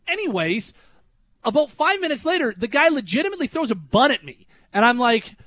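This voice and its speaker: A young adult man hosting a radio show, telling a story in an animated way that turns loud and high when he retells his anger. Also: brisk, no echo. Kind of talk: casual storytelling on talk radio. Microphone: studio microphone.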